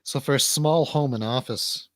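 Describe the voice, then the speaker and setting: A man hosts a livestream talk show from his home studio, sitting on a couch as he casually chats and interviews, asking questions. His voice is medium in pitch at a normal speed, with no echo.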